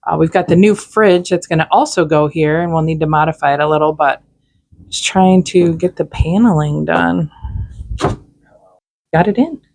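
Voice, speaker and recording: A woman's voice: sits low, moderate pace, creaky, a little mellow, rough recording. A woman hosting a casual project vlog, chatty and joking as she narrates the work. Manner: chatty, joking, laughs easily. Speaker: vlog host.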